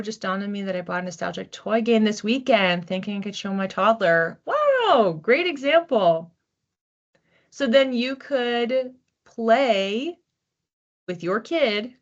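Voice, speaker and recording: This woman, a psychic reader running a weekly collective reading, addresses her audience in an easygoing, conversational manner, musing aloud with informal wording. Her voice sits at medium pitch, and the audio sounds dull.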